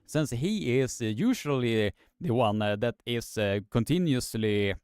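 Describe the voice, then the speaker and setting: A man's voice: mid-range voice, animated, unhurried, darkish tone, clean tone, no echo, clean studio sound. A man hosting a live stream, reading chat comments aloud in a hesitant way, with many filler sounds.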